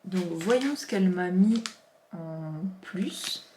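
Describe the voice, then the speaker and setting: A woman in her thirties chats through an unboxing, warm with exclamations and easy asides. Her voice sits a touch low. The room around her rings with a noticeable echo. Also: lively intonation, takes it slowly, a little hiss or hum. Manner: gushing, chatty, lots of exclamations. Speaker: vlogger. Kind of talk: casual unboxing chat. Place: home office. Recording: roomy echo.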